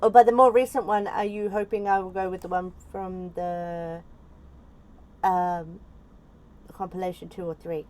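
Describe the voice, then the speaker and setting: A woman's voice: on the low side, steady tone, measured pace, darkish tone. An Australian woman chatting casually as she reacts on a livestream, with a cute, chatty anime-streamer manner. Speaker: VTuber streamer reacting to videos. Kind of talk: casual live reaction chat.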